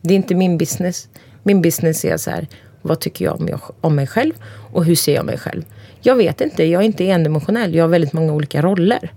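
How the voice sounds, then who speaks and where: A woman in her forties, an interview guest speaking bluntly and emphatically, swearing freely and listing things off in quick runs. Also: fairly low pitch, mellow, dry recording. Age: 40s. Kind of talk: candid conversation.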